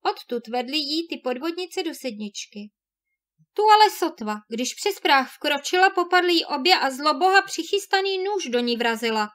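A woman narrating a classic fairy tale in a clear, measured reading. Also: high voice, fairly bright tone.

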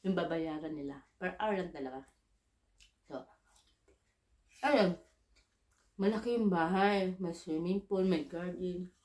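A Filipina domestic worker abroad tells a casual story, acting out her own lines of dialogue and slipping English into her Tagalog in a chatty way. Her voice is fairly low with a darkish tone, and she speaks slowly with frequent pauses. The recording is reverberant.

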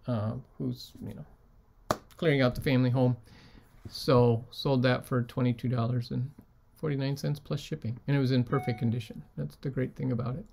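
A man at a middle pitch with a gravelly edge to his voice. He talks in a relaxed, chatty way, filling pauses with ums as he shows what he sold. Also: a little hiss or hum. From United States. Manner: relaxed, many ums, holds up items. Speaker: reseller showing sold items. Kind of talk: casual vlog talk.

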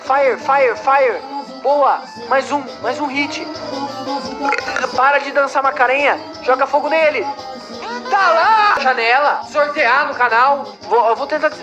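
A Brazilian-accented woman giving loud, excitable gameplay commentary, shouting and cursing at the game. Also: sits high, takes it slowly, muffled recording. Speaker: gamer. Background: game music.

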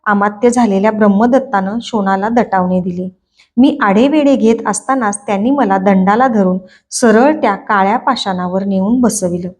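A woman hosting a book reading channel, narrating a novel in a clear, expressive storytelling manner. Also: medium pitch, normal speed. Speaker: book reader.

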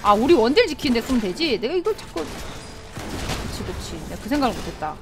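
A woman streaming a game live, excitable, often shouting and laughing and answering her chat. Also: fairly high pitch, a little fast. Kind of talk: live gameplay commentary. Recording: game music playing clearly behind. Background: game music.

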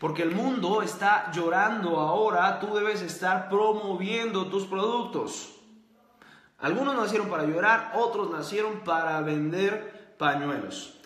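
A man's voice: high-pitched, a bit bright, reverberant. A man hosting a motivational talk to camera, speaking emphatically, repeating key phrases and throwing yes-or-no questions at his listeners. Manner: asks the audience quick yes-or-no questions.

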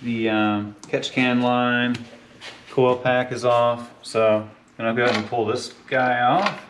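A man's voice: mid-range voice, steady tone, measured pace, slight background noise. A man casually narrating as he works on a car engine, joking and talking to himself between steps. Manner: chatty, jokey, talks to himself as he works. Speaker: car builder. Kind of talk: casual how-to narration while wrenching. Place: garage workshop.

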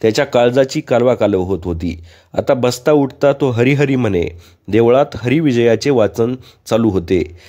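A man reads a story aloud with a calm, measured delivery. His voice has a mellow, warm tone at a middle pitch. The reading stays steady throughout. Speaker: narrator.

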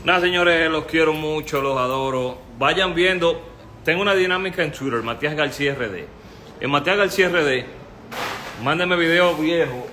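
Dominican man, fairly high voice, teasing live-stream chatter, laughing, faint hiss behind. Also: normal speed, sharp tone. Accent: Dominican Spanish. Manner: teasing, laughing, shifts into high baby-talk squeals. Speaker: host streaming live with his baby son. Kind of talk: playful live-stream chat.

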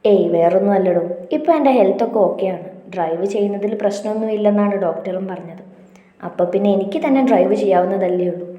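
A woman voicing a calm older man who speaks with dry humor. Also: medium pitch, quick pace, dull audio, close to an everyday voice. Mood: calm wry. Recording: echoey room with long reverb.

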